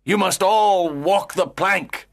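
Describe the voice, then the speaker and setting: A woman's voice: medium pitch, takes it slowly, vocal fry, dry recording, clean studio sound. A woman voicing a cruel, gloating male pirate captain in a children's storybook, commanding and menacing. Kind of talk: storybook character acting.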